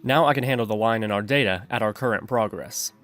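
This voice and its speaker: A man hosts an instructional screencast, explaining things methodically step by step over background music. His voice is on the low side and a bit bright, and he speaks at a quick pace.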